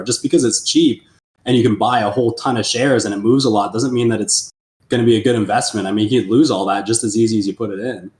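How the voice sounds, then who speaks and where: A man talks quickly and loosely, stacking up fillers as he chats on a finance podcast. His voice carries a roomy echo, as if he is sitting in an open room. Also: mid-range voice, a little mellow. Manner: loose, filler-heavy talk. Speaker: podcast co-host. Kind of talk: casual chat.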